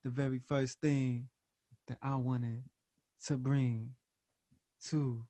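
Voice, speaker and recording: A man co-hosting a casual podcast chat. He talks loosely and full of slang, leaning on fillers and asides as he goes. His voice sits at an ordinary pitch for a man. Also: flat delivery, slow, dark tone, no room sound. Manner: laid-back slangy talk with many fillers. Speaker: podcast co-host.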